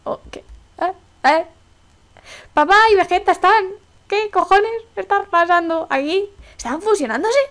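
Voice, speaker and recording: Give me an excitable woman from Spain with a Spanish accent, commentating a video game with a high voice. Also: measured pace, pauses often. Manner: excitable, exclamatory, swears casually. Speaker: gaming YouTuber. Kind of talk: Let's Play commentary.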